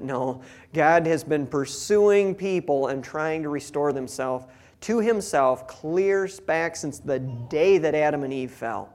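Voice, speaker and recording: A man's voice: on the high side, darkish tone. Earnest man reading and explaining scripture. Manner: reads scripture then explains it conversationally; earnest, with touches of humor. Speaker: Bible teacher. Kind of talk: Bible reading and commentary.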